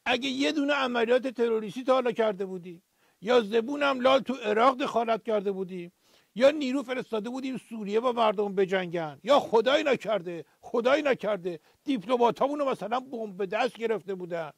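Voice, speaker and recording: Male sketch comic: high, husky, gravelly, pompous know-it-all, dry studio read. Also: dry recording. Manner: pompous, folksy storyteller with sayings. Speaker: comic "doctor" character answering questions. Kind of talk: political satire radio sketch.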